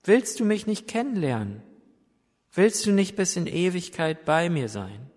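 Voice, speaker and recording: A man voicing Jesus as a gentle grown man who asks soft, pleading questions. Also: high voice, very animated, unhurried, full character voice. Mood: tender. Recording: long hall reverb.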